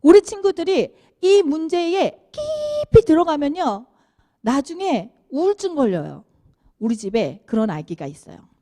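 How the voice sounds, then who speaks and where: A woman giving a children's sermon, animated and asking the kids questions as she tells the story. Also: high-pitched, a little slow. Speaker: children's minister.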